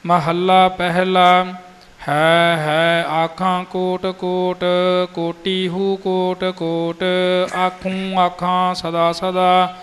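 A man reciting scripture in a slow, even, sung-through chant. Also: sits high. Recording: long hall reverb, faint music.

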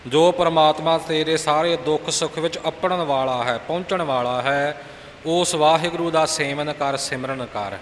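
A man teaching scripture pronunciation, correcting a student slowly and deliberately. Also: on the high side, in a large hall, slight background noise. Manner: slow, deliberate, instructive. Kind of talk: pronunciation lesson.

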